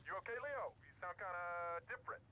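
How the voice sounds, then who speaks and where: A man's voice: high voice, lively intonation, a little fast, bright, forceful tone, a little hiss or hum. A man playing a jumpy, suspicious small-time criminal on a phone call in a video game, slangy and confrontational. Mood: wary. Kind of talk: video game cutscene acting.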